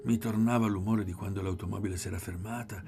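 A man reading a literary novel aloud, measured, often sinking to a soft, breathy near-whisper. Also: deep voice, steady tone, over music. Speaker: audiobook reader. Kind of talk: literary audiobook narration.

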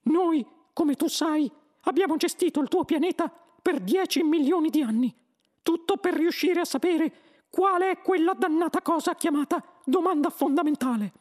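A man voicing a small male mouse who talks in a high, squeaky, curt and dismissive way. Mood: businesslike. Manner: brisk, dismissive.

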